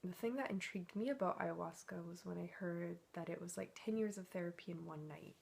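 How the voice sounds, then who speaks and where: Young woman, gravelly low voice, husky, earnest rambling vlog storytelling. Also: fairly quick, darkish tone. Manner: earnest, rambling, heavy use of "like". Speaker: spiritual healer vlogger. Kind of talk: casual personal storytelling.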